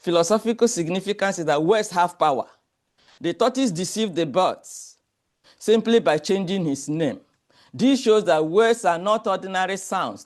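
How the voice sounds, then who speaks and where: A man presents at an academic conference in a measured, explanatory way. His voice sits a little high for a man, and he keeps things orderly, slide by slide. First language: Igbo. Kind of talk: academic presentation with folk tale.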